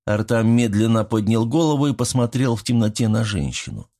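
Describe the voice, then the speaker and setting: A man giving measured, scripted narration of a fairy tale. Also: medium pitch, lively intonation, warm tone.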